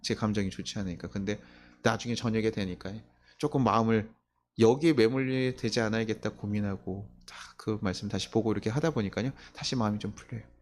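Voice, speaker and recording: A man's voice: lowish voice, brisk, darkish tone. A man preaching a sermon as pastor in a church, talking conversationally with many rhetorical questions and chuckling at his own stories.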